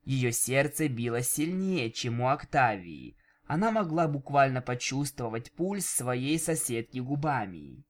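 A man narrating a fan-fiction audiobook with expressive storytelling. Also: mid-range voice, unhurried, hardly any pauses. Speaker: audiobook reader.

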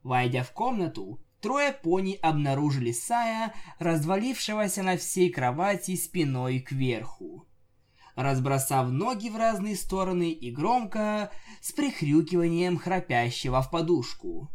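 A man narrating a comic fan fiction story with lively, jokey asides. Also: fairly high pitch, a little slow. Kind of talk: comic audiobook reading.

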